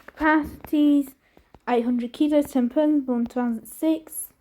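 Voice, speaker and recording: A woman with a high voice gives casual running commentary as a tour presenter. She talks slowly in clipped, fragmentary remarks, recorded with clear noise and clicks. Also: fairly even intonation, warm tone, low-quality recording.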